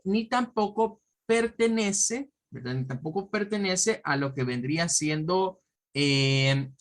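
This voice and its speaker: A man's voice: a little high, a bit bright. A man teaching an online pronunciation lesson, patiently explaining step by step, repeating example words and often checking in with his listeners. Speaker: English teacher.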